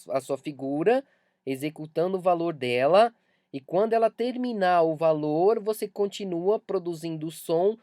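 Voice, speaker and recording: A woman's voice: on the low side, a little mellow, no room sound, studio quality. A woman with a Brazilian accent teaching music theory in a video lesson, patiently repeating key points as she explains.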